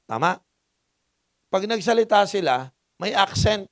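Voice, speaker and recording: A man's voice: high voice, expressive, measured pace, dry recording, clean studio sound. A middle-aged man from the Philippines with a Filipino accent, preaching a sermon. He mixes in English, asks the congregation for answers and jokes with them. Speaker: pastor. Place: church hall.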